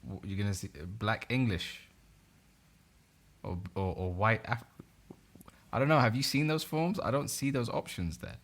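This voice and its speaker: A man's voice: fairly low pitch, normal speed, long pauses. A young man co-hosting a podcast, arguing his point insistently in a casual debate. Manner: insistent, repeats no over and over. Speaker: podcast co-host.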